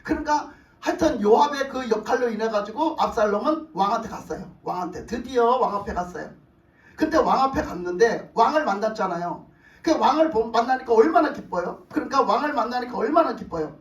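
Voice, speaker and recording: A male pastor preaching a sermon, retelling the story with animated acted voices and rhetorical questions to the congregation. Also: very high voice, brisk, echoey room, far from the mic, low-quality recording. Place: church sanctuary.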